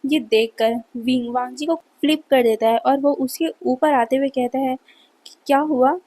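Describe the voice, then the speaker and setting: A woman's voice: high-pitched, steady tone, moderate pace, dark tone, rough recording. A woman narrating a fan fiction story in a casual storytelling way. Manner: plain storytelling, casual mixed English words.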